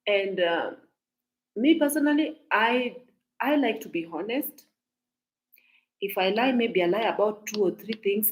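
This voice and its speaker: Chatty Kenyan woman commentating on gossip. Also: lowish voice. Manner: talkative, emphatic, repeats and restarts phrases; mixes in Swahili phrases. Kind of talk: casual commentary to viewers.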